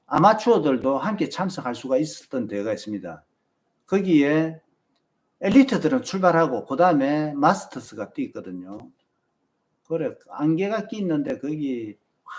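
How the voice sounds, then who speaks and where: With a mid-range, slightly mellow voice and a Busan Gyeongsang Korean accent, this man hosts a marathon channel, chatting casually with viewers on a live stream and advising them.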